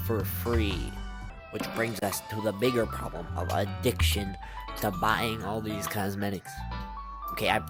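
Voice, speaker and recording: A young adult video creator with a low-pitched voice goes on a casual, fed-up rant full of rhetorical questions. It sounds slightly muffled, as if spoken from within a rubber mask.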